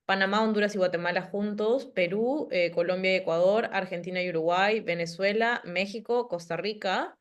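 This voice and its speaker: A woman coordinating a virtual class over a video call, sorting students into groups in a brisk, practical way. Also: medium pitch, fairly even intonation, dull audio.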